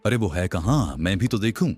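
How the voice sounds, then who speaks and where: A man voicing a deep-voiced teasing detective. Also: expressive, moderate pace, a little mellow, slightly rough, faint music behind. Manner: teasing, offhand. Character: wry, mocking young male detective.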